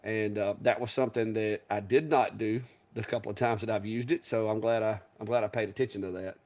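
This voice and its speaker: With a steady, slightly mellow voice pitched on the lower side, this male live-stream co-host talks a bit quickly. He's casual and folksy, wandering off on tangents, starting over and laughing softly.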